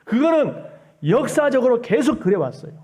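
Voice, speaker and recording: A male pastor delivers a Sunday sermon in a high but mellow voice. He pleads with the congregation and drives each point home with emphasis. Now and then he slips into the mocking tones of scoffers to make his point. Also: very animated, moderate pace, husky.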